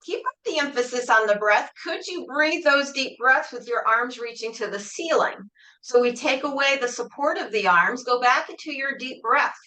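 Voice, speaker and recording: Bright calm woman Pilates instructor. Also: high voice, moderate pace, poor audio. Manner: calm, encouraging, asks reflective questions. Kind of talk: guided exercise class cueing.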